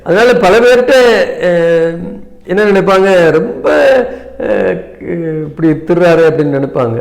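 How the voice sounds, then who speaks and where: Man, 70s, interview guest; measured, hesitant delivery with fillers and occasional English phrases. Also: a little high, expressive, creaky. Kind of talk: reflective interview talk.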